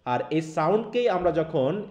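Teaching English online from an echoey room, a man with a Bangladeshi Bengali accent walks through the material step by step and keeps asking students questions to involve them. His voice is on the high side, expressive, a little mellow, and measured in pace.

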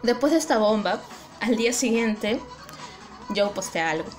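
A young woman vlogging in casual chat. She translates posts for her viewers and gushes excitably, with lots of giggling. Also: medium pitch, a little slow, soft background music. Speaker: fan vlogger.

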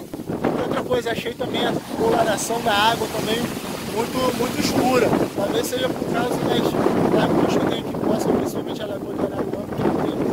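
A chatty man, in his thirties, vlogging on a beach with his voice sitting high for a man. Heavy wind roars across the phone mic, with surf crashing behind him. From Brazil. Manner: chatty, points things out as he walks. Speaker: travel vlogger. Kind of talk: casual walking-tour vlog. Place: windy beach outdoors. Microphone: phone camera held at arm's length. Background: loud wind and surf.

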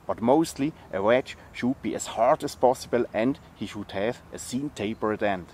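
This outdoor tutorial features a German-speaking bushcraft instructor in the woods, walking through a task one step at a time in a plain, friendly way. He talks at a moderate pace with a medium pitch and darkish tone, against slight background noise.

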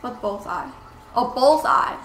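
A woman's voice: fairly high pitch, very animated, slow. Affectionate woman gaming, echoey noisy room. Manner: affectionate, encouraging, questioning. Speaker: co-op gameplay player. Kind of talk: casual gameplay chat.

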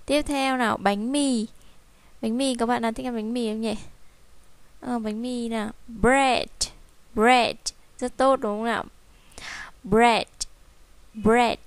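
A woman with a Vietnamese accent teaching English to young children, repeating each word slowly and clearly. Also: fairly high pitch, no room sound. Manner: drills English words slowly, repeating each one several times. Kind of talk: slow, clear classroom teaching.

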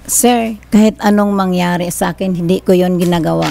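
A woman with a gravelly voice, defensively denying accusations and pleading her case. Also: lowish voice, fairly even intonation, brisk, dark tone. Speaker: accused employer. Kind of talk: defensive testimony.

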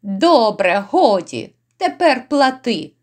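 A woman's voice: on the high side, sing-song, slow pace, heavily acted. A woman voicing rowdy, brutal drunken noblemen who jeer and bark orders. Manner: gruff, jeering shouts.

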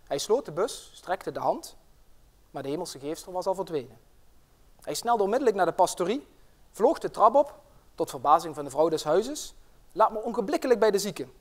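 A middle-aged man who is a professor and family doctor delivers an inaugural lecture in a friendly way. He hesitates with fillers and breaks into storytelling, in a fairly high voice for a man. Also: very animated, normal speed. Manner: friendly, with frequent fillers, tells a tale. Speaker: professor and general practitioner.

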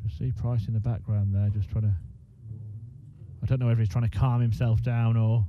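A man giving measured, analytical darts commentary in short phrases. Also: fairly low pitch, little pitch movement. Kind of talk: sports commentary. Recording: dull, noisy commentary feed.

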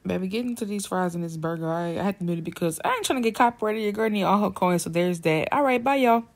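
A woman's voice: mid-range voice, fast. A young woman vlogging casually at an arcade and restaurant, holding the camera at arm's length and chatting playfully with her viewers. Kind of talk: casual vlog chat. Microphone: handheld camera at arm's length. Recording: loud arcade with music and crowd noise. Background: loud music and crowd.

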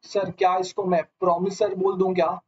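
A man's voice: high voice, little pitch movement, normal speed, a little mellow, breathy edge. A man teaching a live online lecture, asking his students question after question and calling them sir. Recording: slightly dull lo-fi audio.

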